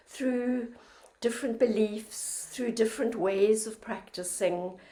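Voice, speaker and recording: An older woman giving a reflective dharma talk as a meditation teacher, gentle and measured, with a voice a little croaky from flu. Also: a little high.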